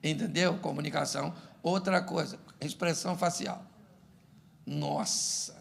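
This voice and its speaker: A man's voice: sits high, normal speed, vocal fry. A middle-aged man preaching a humorous sermon as pastor, acting out little scenes of married life. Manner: humorous, animated, acts out domestic scenes.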